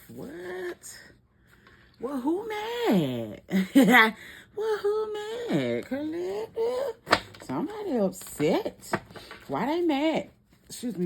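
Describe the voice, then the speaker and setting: A woman hosting a casual tarot love reading, animated and sassy, laughing often. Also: mid-range voice, background noise. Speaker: tarot reader.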